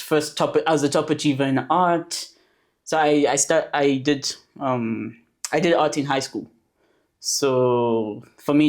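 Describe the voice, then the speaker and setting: A woman in her twenties, born in Zambia and raised in South Africa, who is a guest on a podcast and tells her story in a relaxed, chatty way. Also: extremely low pitch. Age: 20s. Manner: relaxed storytelling with fillers and restarts. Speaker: podcast guest, animation producer. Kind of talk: casual podcast interview.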